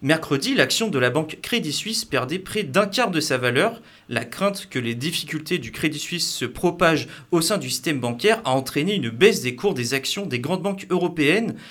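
A young man reading scripted news items in a measured, formal way. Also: a little high, animated, a bit bright. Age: young adult. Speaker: news presenter.

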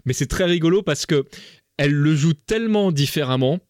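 A man's voice: a little high, animated, moderate pace, a little mellow, no room sound, clean studio sound. A man in his thirties chatting eagerly on a podcast, stammering through restarts and laughing often. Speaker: podcast guest. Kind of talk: casual chat.

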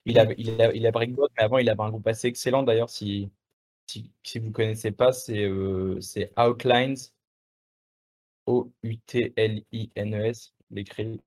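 A young man with a slightly low voice chats casually as a guest on a morning stream. He talks in a relaxed, slangy way, stopping and restarting often with lots of fillers. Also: moderate pace. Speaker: musician guest. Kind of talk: casual interview chat.

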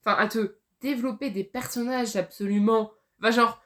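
Woman, higher-pitched voice, French speaker, rambling, lots of fillers, book podcast host. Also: steady tone, a little fast, fairly bright tone. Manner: rambling, many fillers and restarts. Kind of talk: casual chat about books.

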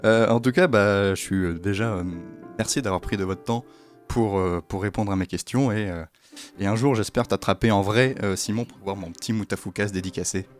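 In a conversational interview on his game development podcast, a host from France speaks warmly but hesitantly, using lots of fillers. He talks a little fast in a lowish voice over faint background music.

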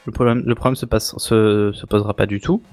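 A man's voice: lowish voice, steady tone, fairly quick, a little mellow, soft background music. A man co-hosting a casual tech podcast, giving his view tentatively and thinking aloud with restarts. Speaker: podcast co-host.

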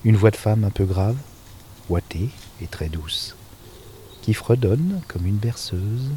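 A man with a low, mellow voice reads a novel aloud in a calm, intimate way. His phrases often sink into a hushed finish. Faint birdsong and insects murmur behind him outdoors. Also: takes it slowly, slight background noise. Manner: calm, intimate narration with soft, quiet trailing endings. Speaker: reader. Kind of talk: audiobook-style reading of a novel. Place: outdoors in nature.

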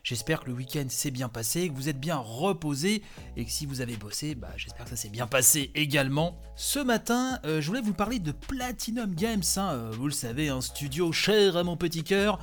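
A man's voice: fairly high pitch, animated, moderate pace, soft background music. A man hosting a gaming news podcast, talking casually with many small fillers. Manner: chatty, many "hein" and "euh" fillers.

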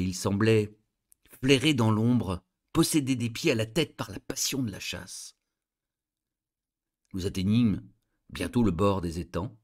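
A man's voice: lowish voice, a little mellow. A dramatic male storyteller. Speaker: narrator. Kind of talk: expressive story reading.

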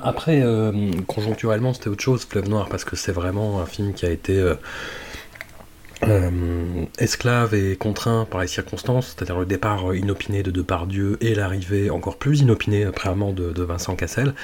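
A man's voice: sits low, normal speed, darkish tone, a little hiss or hum. A man co-hosting a casual film podcast, rambling with many hesitations and restarts. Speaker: podcast co-host.

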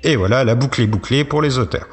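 A man co-hosting who presents a prepared overview from notes in a steady, informative way. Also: mid-range voice, quick pace, faint music behind. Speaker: co-host presenting a comics author.

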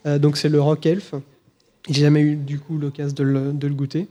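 This is a man talking casually on a live podcast. His pitch sits a little high, and his tone is dark and mellow. He hesitates a lot, restarting sentences and filling gaps with "euh". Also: level tone, fairly quick. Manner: hesitant, many fillers and restarts. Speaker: podcast co-host presenting whiskies. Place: live event recording.

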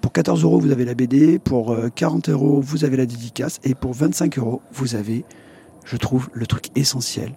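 Gravelly dark-voiced guy on a podcast, trips over his words a lot. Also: medium pitch. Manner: halting, stumbles over words. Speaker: co-host. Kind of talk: casual chat.

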